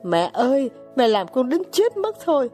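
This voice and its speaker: A high, wildly swinging girlish voice that is capricious and commanding, firing off urgent orders in an audiobook scene, as a woman reader puts her on. The tone stays mellow and soft-edged even at its sharpest. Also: moderate pace, faint music behind. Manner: urgent, bossy, near-shouting pleas. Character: young girl, feverish, capricious and commanding. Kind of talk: audiobook character voice.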